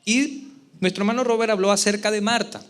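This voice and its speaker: High-voiced male pastor preaching. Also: brisk, soft background music. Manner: expressive preaching, asks the congregation questions. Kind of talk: sermon. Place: church service before a congregation.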